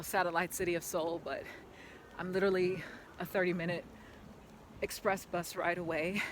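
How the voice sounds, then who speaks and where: Walking uphill along an outdoor park path, a woman vlogs casually into a handheld camera, chatting and rambling with lots of "like" fillers. Her voice is fairly low and fairly bright, with slight background noise.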